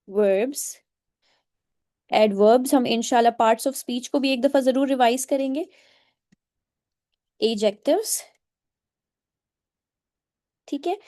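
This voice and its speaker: Slow, deliberate woman teacher. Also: a little high, dark tone, no room sound, studio quality. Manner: mixes English and Urdu, slow deliberate stress on words, checks for understanding. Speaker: English language teacher. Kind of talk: online class lecture.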